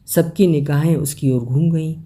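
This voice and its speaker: A woman reading a story aloud in a gentle, measured way. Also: sits low, fairly even intonation. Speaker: story reader.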